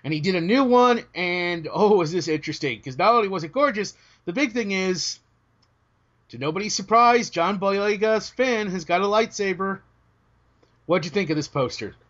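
British male podcast co-host, a bit hoarse, lively pitch swings, dull lo-fi sound, jokey and self-interrupting. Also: normal speed. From Britain. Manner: animated, joking, self-interrupting. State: starting to lose his voice. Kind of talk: casual chat. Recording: dull lo-fi audio.

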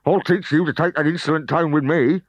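A man reading a storybook, voicing a huge, mean male gladiator trainer in a very high, loud, snarling voice. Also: measured pace, no echo, close to an everyday voice. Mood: menacing. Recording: dull, dry recording.

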